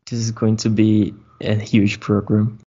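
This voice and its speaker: A man's voice: lowish voice, monotone, unhurried, warm tone, husky. A man hosting a podcast, introducing his guest with enthusiasm and loose phrasing. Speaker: host. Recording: muffled lo-fi audio.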